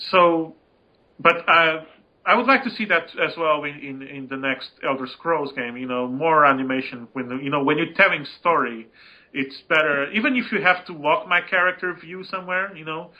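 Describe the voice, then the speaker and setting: This man co-hosts a laid-back gaming podcast, and his fairly high voice comes through on a lo-fi recording. He rambles, speaks with emphasis, and swears freely.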